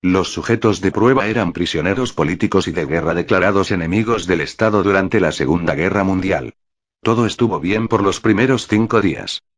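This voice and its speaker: Low-voiced man narrating a horror story. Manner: steady, measured storytelling. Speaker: creepypasta narrator.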